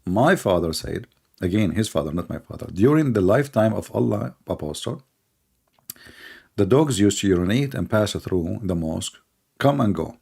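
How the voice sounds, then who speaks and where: A man's voice: on the low side, lively intonation, normal speed, creaky, a little mellow, breathy edge. An older man, hosting a rambling, sarcastic solo talk with many fillers. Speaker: host. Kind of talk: casual monologue.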